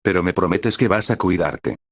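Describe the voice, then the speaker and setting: A man reading the lines of a cheerful, determined teenage hero girl in an even, unchanged voice. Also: low voice, moderate pace, dry recording, clean studio sound. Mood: earnest. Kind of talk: scripted fanfic reading.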